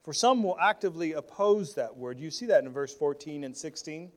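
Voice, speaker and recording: A pastor preaching a sermon, earnest, often repeating words as he restarts, moving between loud stressed phrases and quiet asides. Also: on the high side, expressive, a little fast.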